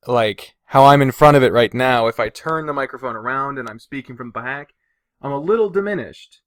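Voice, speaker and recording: This solo podcast host, who also makes videos, has a medium-pitched, fairly bright voice. He rambles casually from his bedroom, swearing, poking fun at himself and wandering off topic. Recorded on a Blue Snowball omnidirectional USB microphone, the sound is clean and studio-like with no echo.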